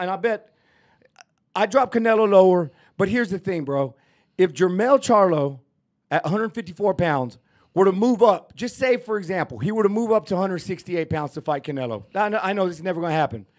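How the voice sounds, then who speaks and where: A man's voice: high voice, lively intonation, quick pace. A man with a Texas accent, co-hosting a casual boxing talk show and arguing emphatically. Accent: Texan. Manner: emphatic, repetitive, ranting. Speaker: podcast co-host. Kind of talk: casual sports debate.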